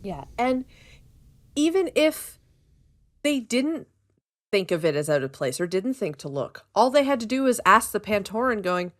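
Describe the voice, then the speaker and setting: A woman co-host talks through an episode recap in a loose, chatty way. Her pitch swoops up and down freely as she gets excited, and she breaks into giggles and dry sarcastic asides. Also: a little slow, long pauses. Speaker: podcast co-host.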